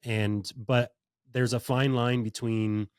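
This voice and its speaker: A man's voice: mid-range voice, little pitch movement, slow, a little mellow, no room sound, clean studio sound. A man hosting a podcast interview in a casual, rambling way, full of fillers and restarts. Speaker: podcast host.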